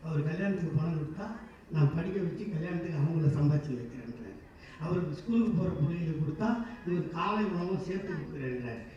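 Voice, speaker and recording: A man's voice: a little high, animated, fast talker, dark tone. A man making an emphatic public speech. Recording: echoey, far-off, dull.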